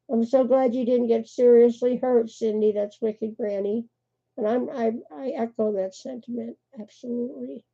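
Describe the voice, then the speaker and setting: A woman's voice: fairly high pitch, steady tone, a little slow, creaky, warm tone. An older woman, hosting a casual crochet livestream, chatty and laughing often as she greets viewers by name. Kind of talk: casual live chat. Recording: muffled lo-fi livestream audio.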